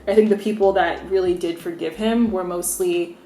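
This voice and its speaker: A young woman from the United States gives her frank, opinionated take as a beauty vlogger, chatting casually with lots of "like"s in a candid opinion vlog. Her voice is warm and fairly low, with a steady tone at a normal speed, and the recording has a roomy echo.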